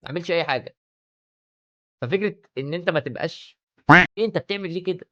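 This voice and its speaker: A man with an Egyptian accent, talking excitedly in a casual commentary vlog. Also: fairly high pitch, highs cut off. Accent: Egyptian Arabic. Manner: excitable, rapid-fire talk. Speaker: YouTuber.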